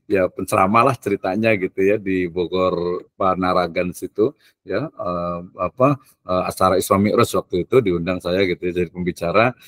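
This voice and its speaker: A man's voice: low-pitched, normal speed, a bit bright, no echo. A male university lecturer giving a casual, joking lecture, with chatty filler tags and English phrases mixed in.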